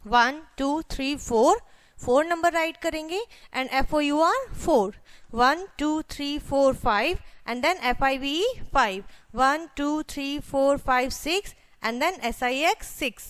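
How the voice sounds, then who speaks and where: High-voiced woman teaching kids to count. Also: a bit bright. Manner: counts aloud and spells number names letter by letter; addresses children directly, frequent "theek hai" check-ins. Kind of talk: children's math lesson walkthrough.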